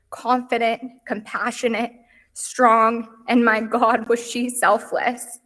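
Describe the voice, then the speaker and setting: Young woman reading a eulogy, bright clear voice, lots of hall reverb, earnest. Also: fairly high pitch. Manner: earnest and heartfelt, softening on lists. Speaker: eulogy speaker. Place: memorial service hall.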